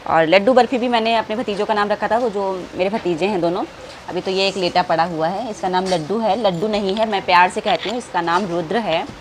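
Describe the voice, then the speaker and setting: An adult woman, a family vlogger, talks warmly to her viewers in a casual vlog filmed inside the family home. Her voice is mid-range and a little fast, with a noisy household in the background.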